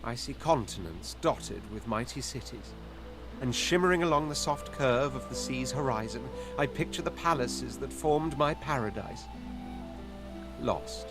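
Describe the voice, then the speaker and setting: An actor playing a haughty, condescending exiled lizard prince in a video game, speaking in pompous, flowery phrases. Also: male voice, mid-range voice, lively intonation, measured pace. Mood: wistful, grand. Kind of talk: video game character acting. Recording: game music behind the voice.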